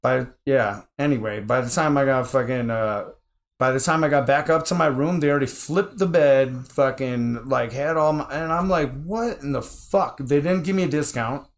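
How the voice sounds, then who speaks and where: A man's voice: mid-range voice, moderate pace. A man in casual conversation telling a rambling story, swearing constantly and acting out his own quotes. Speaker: interview guest.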